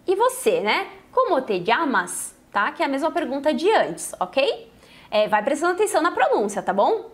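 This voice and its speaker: A woman teaching Spanish in a high voice that rises and falls a lot. She models each phrase slowly and carefully. She keeps checking in with the learner as she goes. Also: big pitch swings. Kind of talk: online language lesson.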